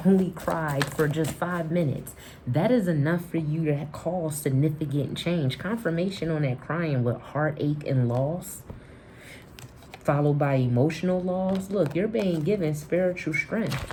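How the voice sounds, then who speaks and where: Low, mellow-voiced woman reading tarot to camera, reassuring and repetitive. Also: slight background noise. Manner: affirming, repeats herself, restarts with "and, and". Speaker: tarot reader.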